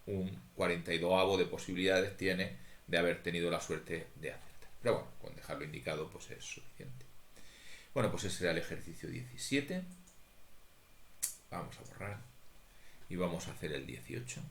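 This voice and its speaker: A very low-voiced man talks through a statistics exercise at an unhurried, methodical pace. His voice bounces around an echoey room. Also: a bit bright, slight background noise. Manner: methodical, thinks aloud, talks to students. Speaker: statistics teacher. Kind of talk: recorded lecture walking through exercises.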